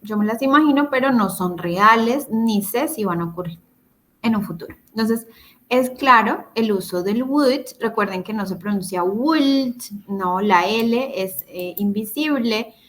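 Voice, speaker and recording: A woman's voice: mid-range voice, measured pace, fairly bright tone, low-quality recording. A woman teaching English grammar in a recorded video-call lesson, explaining step by step, repeating words and checking in with her students.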